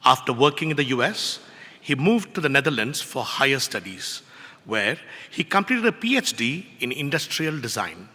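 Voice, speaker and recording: A man's voice: medium pitch, big pitch swings, moderate pace, sharp tone. A man announcing the next speaker, reading a formal prepared introduction. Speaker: event announcer. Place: large hall. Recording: long hall reverb.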